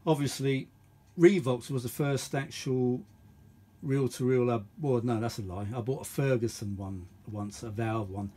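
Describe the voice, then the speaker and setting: Hosting a video about vintage audio, a middle-aged man chats in a relaxed, unscripted, hands-on manner. His mid-range voice is dark and steady, moving at a measured pace. He tends to ramble, think aloud, and repeat himself.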